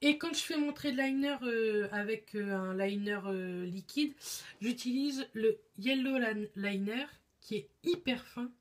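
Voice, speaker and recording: A woman's voice: a little high, unhurried. Chatty young woman beauty vlogger. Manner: chatty, hesitant, many fillers and restarts. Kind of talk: casual chat.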